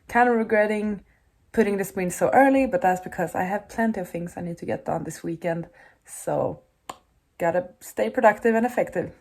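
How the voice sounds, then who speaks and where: A woman's voice: mid-range voice, a little mellow. Woman chatting casually in a rambling vlog. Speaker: reading vlogger.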